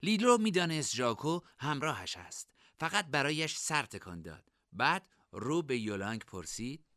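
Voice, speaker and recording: A man narrating a story in an expressive, lively reading. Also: mid-range voice, dry recording, clean studio sound.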